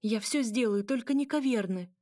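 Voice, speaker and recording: A woman voicing a timid, frightened female shopkeeper who squeaks and pleads. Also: lively intonation, a little slow, a little mellow, dry recording, studio quality.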